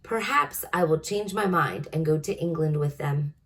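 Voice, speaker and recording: A woman voicing a greedy, bullying man-eating male giant in a storybook, roaring and shouting insults. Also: low-pitched, normal speed. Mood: greedy, boastful.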